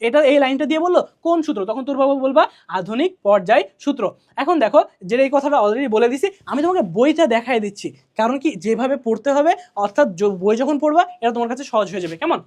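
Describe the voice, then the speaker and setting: A woman's voice: sits high, animated, fast talker, darkish tone. A woman teacher gives a colloquial exam revision lesson, drilling key answers by asking questions and repeating them. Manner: colloquial, chatty.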